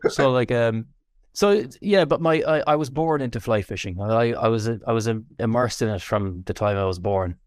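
A man with a west of Ireland accent chatting casually in an interview, halting and repeating words as he thinks. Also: medium pitch, no echo, studio quality. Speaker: fly fishing guest.

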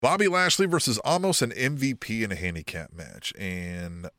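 Low-voiced cursing podcast host. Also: male voice, normal speed, sharp tone, no room sound, studio quality. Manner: profane, rambling, sardonic. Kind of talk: casual chat.

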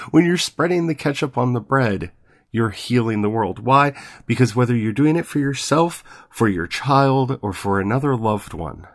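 A man giving a gentle, measured devotional talk, pausing often between phrases. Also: medium pitch, no echo, studio quality.

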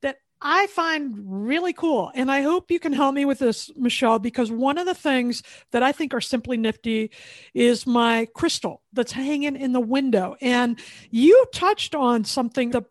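A woman hosting a podcast, talking in a relaxed, encouraging way with a guest. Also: high voice, moderate pace, dry recording. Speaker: podcast host. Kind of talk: casual interview chat.

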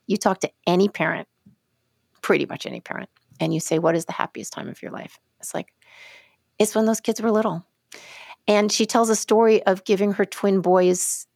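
A woman's voice: mid-range voice, creaky, no room sound, clean studio sound. A woman co-hosting a podcast, chatting casually and telling stories, acting out the voices of people she quotes. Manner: animated storyteller, acts out quoted speech. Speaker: podcast co-host. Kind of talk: casual conversation.

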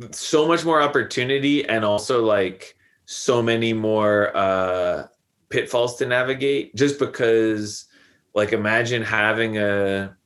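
A podcast guest in his thirties speaks in a fairly low, slightly bright voice. His casual conversation is reflective, loose, and rambling, full of fillers.

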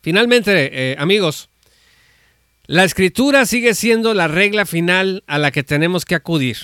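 Man, Bible teacher, high voice, smooth clear tone, conversational preaching. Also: lively intonation, normal speed, a bit bright, dry recording, studio quality. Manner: conversational preaching, retelling Scripture with fillers and restarts. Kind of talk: informal teaching talk on an audio space.

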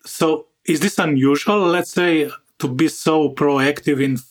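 Speaking at a measured pace in a voice on the high side, this podcast host keeps his interviews conversational. Filler phrases pad his sentences, and "let's say" comes up again and again.

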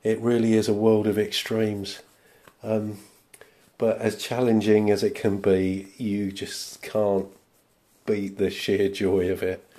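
Male podcast host, slow and mellow, hesitant with lots of ums. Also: lowish voice, monotone. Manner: hesitant, full of fillers and self-deprecating laughs. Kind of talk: podcast chat replying to listeners.

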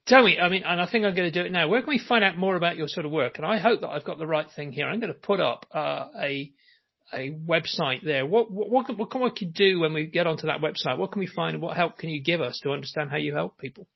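A man's voice: fairly high pitch, quick pace, gravelly, breathy edge. A male podcast host asking questions eagerly, stumbling over repeated words as he goes. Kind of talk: casual interview chat. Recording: muffled lo-fi audio.

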